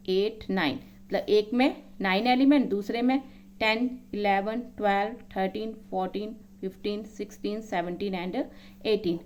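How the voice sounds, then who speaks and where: A woman with a fairly high voice teaches a maths lesson on a lo-fi recording. She counts items aloud one at a time and keeps checking in with her students.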